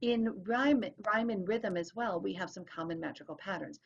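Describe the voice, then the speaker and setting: Lady teacher walking through a lesson, kinda husky voice, muffled lo-fi audio. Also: medium pitch, moderate pace. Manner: explanatory, claps out rhythms. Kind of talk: recorded lesson. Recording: dull lo-fi recording.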